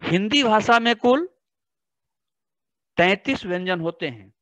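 Slow, deliberate teacher explaining to children. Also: medium pitch, animated, fairly bright tone, no room sound. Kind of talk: spoken grammar lesson for children. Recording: dull, slightly lo-fi, dry recording.

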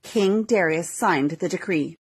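Husky-voiced woman narrating a story. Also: on the low side, a little slow. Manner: clear, even read-aloud storytelling.

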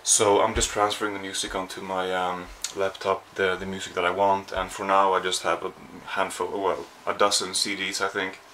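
With hardly any pauses, this young Swedish-accented man talks at normal speed in a low-pitched, level, pushed and bright voice. He vlogs casually from his small apartment, camera held at arm's length, rambling and self-deprecating, over a little hiss or hum.

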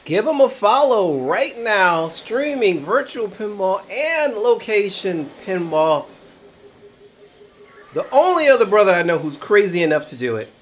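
A man's voice: high-pitched, very animated, unhurried, fairly bright tone, slight background noise. A man streaming a pinball game live, joking around, laughing a lot and calling out to his viewers, a little tipsy from cider. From Brooklyn, New York. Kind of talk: casual live-stream commentary. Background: faint game music.

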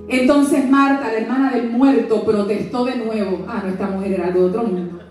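Woman pastor, high voice, playful sermon full of questions to the congregation, distant mic in an echoing church with music behind. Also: moderate pace. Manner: lively, humorous, asks the congregation questions.

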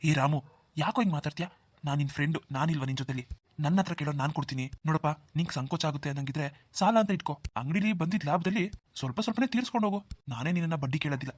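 Cartoon: voice actor as warm, generous young villager; quick, coaxing delivery. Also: medium pitch, lightly acted. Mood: reassuring. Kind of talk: Kannada cartoon dialogue.

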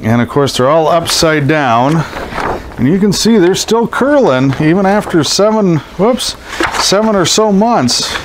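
Stuffed up with a head cold, a middle-aged man talks in a fairly high, expressive voice at a slightly slow pace. He's a collectibles seller giving a casual show-and-tell indoors while going through boxes of posters. His scratchy delivery wanders, peppered with ums and uhs.

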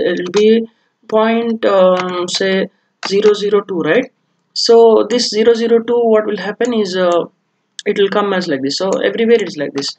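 A man teaching Arabic grammar, explaining step by step with many fillers and self-corrections. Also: high voice. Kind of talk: lesson mixing two languages.

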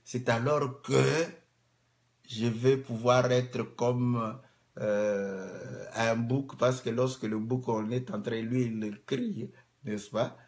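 Slow, animated male preacher. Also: mid-range voice. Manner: animated, rising to loud emphatic peaks; acts out cries of pain to make a point. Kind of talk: sermon.

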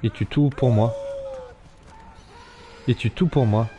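This let's play streamer has a mid-range voice and takes his time, recorded with the highs cut off and background noise present. Narrating his live game casually, he swears and talks to the animals he rides.

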